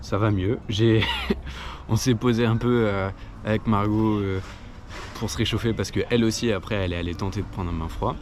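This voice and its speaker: A man's voice: on the low side, steady tone, normal speed, darkish tone, slight background noise. A man giving a casual debrief to camera with loose, hesitant phrasing. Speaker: vlogger.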